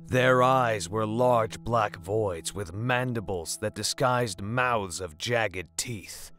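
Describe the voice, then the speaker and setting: Reading a grim horror story, a male narrator gives a dramatic, scripted performance in a deep voice. He takes his time, with soft music playing underneath.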